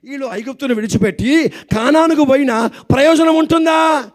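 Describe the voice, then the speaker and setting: High-voiced Telugu-accented pastor preaching. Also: male voice, moderate pace. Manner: preaching with call-and-response, urging the congregation to answer loudly; swings between quiet talk and shouted exclamations. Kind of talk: sermon. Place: church.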